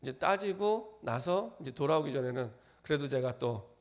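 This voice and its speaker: A male pastor giving a dawn sermon. He reads scripture with slow, drawn-out stresses and tells his own story in a conversational way. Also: medium pitch, animated. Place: church.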